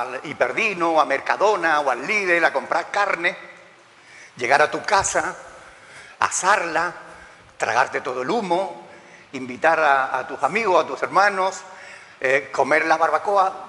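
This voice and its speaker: A man's voice: fairly high pitch, sharp tone. A man, preaching a sermon as a pastor, asking rhetorical questions and joking with the congregation. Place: church hall. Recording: long church reverb.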